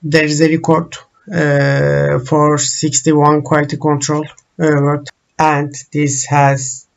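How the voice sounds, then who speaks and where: Slow halting man with a gravelly voice. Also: a little high, monotone, dull audio. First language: Turkish. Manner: slow, halting, frequent uh fillers. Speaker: software trainer. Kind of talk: screen-recorded software tutorial.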